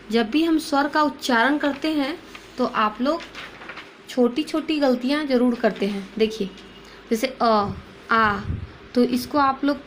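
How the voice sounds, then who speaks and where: A woman's voice: high-pitched, slight background noise. A woman teacher gives a recorded lesson to young pupils. She poses questions and answers them herself, and drops English words into her speech.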